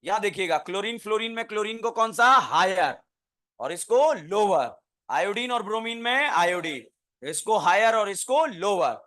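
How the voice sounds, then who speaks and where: A man teaching a chemistry class, asking the students quick questions and answering them himself, then dictating notes word by word. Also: high-pitched, animated, sharp tone. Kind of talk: classroom lecture.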